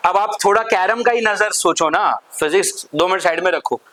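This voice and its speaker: A man leads a physics class, explaining each step and pausing to ask whether students are following. His voice sits a little high and rings bright and forceful. He slips English terms into his teaching and keeps checking in with the room. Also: poor audio. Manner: asks the class constant check questions, mixes Hindi with English terms. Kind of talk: classroom lecture.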